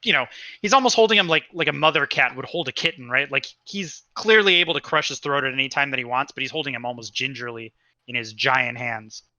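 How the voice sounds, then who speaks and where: Bright-voiced casual game master. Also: male voice, medium pitch, fast talker, dry recording. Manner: casual, rambling, many fillers. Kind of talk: narrating a tabletop game.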